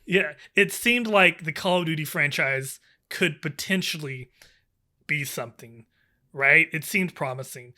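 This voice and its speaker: Bright-voiced sarcastic man in podcast chat. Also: on the high side, a little slow. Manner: profane, sarcastic, animated. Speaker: podcast co-host. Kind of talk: casual gaming podcast chat.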